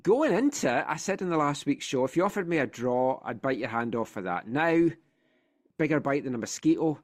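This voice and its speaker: This middle-aged Scottish man hosts a casual football podcast, telling stories in a chatty, animated way with playful asides. His mid-range voice moves a little fast and sounds a bit congested from a sinus infection.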